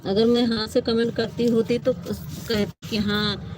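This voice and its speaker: A woman's voice: a little high, flat delivery, measured pace, background noise. Exasperated woman live-streaming on a phone. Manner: exasperated, complaining, repeats herself. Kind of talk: casual live-stream chat to viewers.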